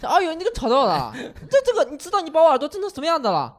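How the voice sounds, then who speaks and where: A man's voice: very high voice, huge pitch swings, very fast, voice pushed up, exaggerated voice. A man voicing a fussy middle-aged man who whines and scolds over noise. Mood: fussy scolding.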